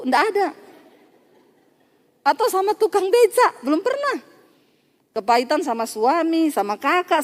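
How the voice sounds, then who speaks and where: Animated woman preacher in a reverberant hall. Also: a little high. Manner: animated storytelling with acted quotes and laughter. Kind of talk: sermon.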